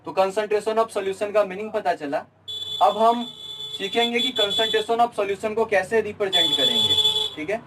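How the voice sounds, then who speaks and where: A man's voice: sits high, expressive, unhurried, recorded from a distance, very noisy. A young man teaching chemistry at a board, repeating his own questions and answering them. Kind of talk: classroom lecture at a board.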